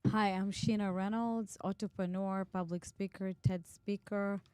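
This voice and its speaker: A woman's voice: medium pitch, fairly even intonation, a little slow, a little mellow, clean tone, dry recording. A woman in her forties, a guest speaker, giving confident advice in a casual podcast chat. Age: 40s. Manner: confident, advising.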